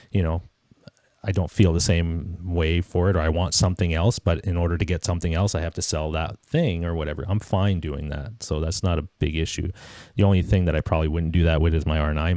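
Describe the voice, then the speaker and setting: Low, mellow-voiced man in his late forties. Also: dry recording, studio quality. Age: 40s. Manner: rambling, with many restarts and "you know"s; reflective and easygoing. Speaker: livestream host. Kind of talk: casual live-stream chat.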